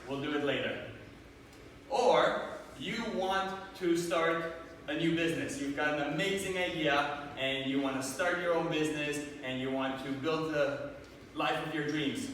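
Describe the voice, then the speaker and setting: A man's voice: fairly high pitch, unhurried, fairly bright tone, a little hiss or hum. A man from Romania giving a live motivational seminar talk, engaging the audience with questions. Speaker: motivational speaker. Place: large hall with audience. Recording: echoey hall, from far off.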